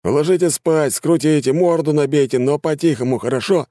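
A man playing a loud gruff military commissioner. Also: on the high side, a little fast, dry recording, clean studio sound, voice pushed up, natural voice. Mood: commanding. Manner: barking orders, shouting roll call. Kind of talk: audiobook narration with voices.

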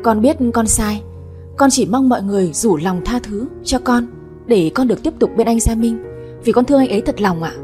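A woman's voice: fairly high pitch, lively intonation, fast talker, darkish tone, faint music behind, natural voice. A woman reading as a humble young wife. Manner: humble, pleading.

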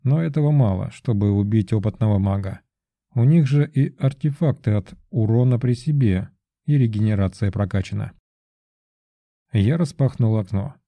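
A man narrating a fantasy audiobook in a measured, steady storytelling manner. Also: lowish voice, no room sound.

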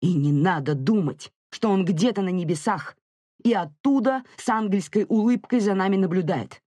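An audiobook narrator voicing a furious, grieving young mother who shouts and accuses, near hysteria. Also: mid-range voice, expressive, a little slow, breathy edge, dry recording, clean studio sound. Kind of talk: audiobook character reading.

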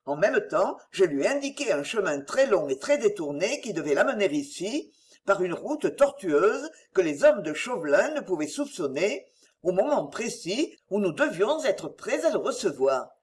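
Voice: mid-range voice, big pitch swings, moderate pace, lightly acted. Sir Percy, a reader doing a breezy jovial nobleman. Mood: jaunty. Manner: breezy, teasing, laughing. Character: dashing English nobleman, jovial and flippant. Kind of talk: audiobook reading.

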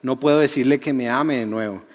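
A man's voice: medium pitch, a little fast. Preacher guy, chatty, keeps asking the crowd questions, reverby church hall. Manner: lively, conversational, asks the audience questions. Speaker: youth preacher. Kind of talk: sermon.

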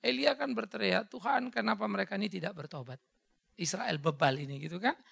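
A man preaching a sermon and answering questions, animated, slipping English words in and acting out quoted voices. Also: sits high, fairly quick, creaky, breathy edge. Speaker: pastor. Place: church hall.

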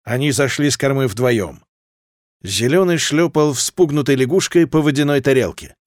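A man reading a historical fantasy audiobook with steady, lively narration. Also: medium pitch, moderate pace, dry recording, clean studio sound.

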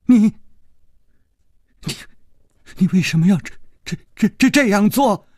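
A man voicing a terrified, wounded woman who stammers in a high, trembling voice. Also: animated, a little slow, darkish tone, no echo, clean studio sound.

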